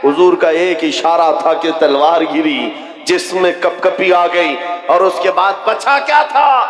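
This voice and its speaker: A man's voice: on the high side, a bit bright. A man preaching an impassioned sermon like a rally speech, declaiming dramatic stories and throwing out rhetorical questions. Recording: echoey PA with long hall reverb.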